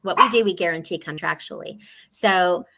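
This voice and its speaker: A woman's voice: lowish voice, normal speed, creaky. A woman in her forties, a financial specialist speaking earnestly in a casual interview over a video call from home. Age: 40s. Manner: earnest, laughs easily, warm chatty explanations. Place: home, dog barking nearby.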